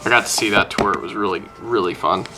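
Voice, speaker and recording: A man's voice: lowish voice, quick pace, music in the background. A man chatting casually at home, rambling through a list and swearing offhand. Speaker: music collector vlogger. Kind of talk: casual chat listing albums. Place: room at home, close to a wall.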